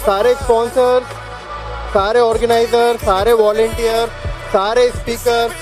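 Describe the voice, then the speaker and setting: A man's voice: very high-pitched, little pitch movement, measured pace. A man, an organizer on stage cheerfully thanking everyone and explaining a crowd activity in a mix of English and Hindi. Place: large indoor event hall. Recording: music playing behind at a live event.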